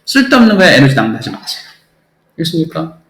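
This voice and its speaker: A male English teacher lectures with a blunt, emphatic delivery and a fairly high voice. He keeps checking whether the class has understood. The room adds a noticeable echo. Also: big pitch swings, quick pace, creaky, a bit bright.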